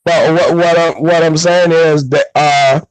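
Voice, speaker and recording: A man's voice: a little high, steady tone, a little slow. Rambling man on a distorting mic. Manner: rambling, many fillers and restarts. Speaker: panelist. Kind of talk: casual group chat. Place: online voice chat. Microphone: loud mic, distorting.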